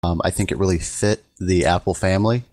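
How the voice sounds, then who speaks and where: A man on a podcast panel, speaking hesitantly with many ums and deadpan jokes. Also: sits low, fairly quick, dry recording. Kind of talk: casual podcast discussion.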